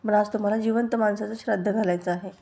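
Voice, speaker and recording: A woman's voice: medium pitch, fairly even intonation, quick pace, creaky, dark tone, natural voice. A woman voicing a scheming, vengeful woman villain from a TV serial recap, taunting and mocking.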